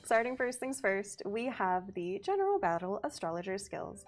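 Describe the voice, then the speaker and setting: Sing-song and medium-pitched at a moderate pace, a woman walks a livestream through a game update as community manager, giggling and upbeat while reading skill details steadily. Faint music sits in the background.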